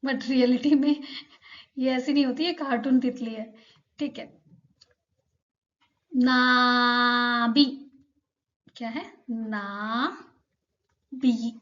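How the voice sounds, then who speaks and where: एक महिला शिक्षिका धैर्य से पाठ समझाती है और हर उच्चारण को धीरे-धीरे दोहराती है।. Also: female voice, high-pitched, mellow, lo-fi sound. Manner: patient, repeats each sound slowly for learners. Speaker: Korean language teacher. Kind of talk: slow explanatory lesson.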